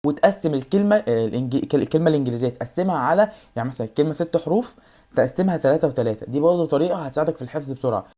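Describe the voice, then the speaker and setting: A woman with an Egyptian Arabic accent talks at a breakneck pace in a casual advice vlog. Her voice sits low and mellow. She speaks straight to the viewer and keeps reassuring them. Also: animated. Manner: rapid, addresses the viewer directly, repeats reassurances. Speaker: YouTuber giving exam study tips.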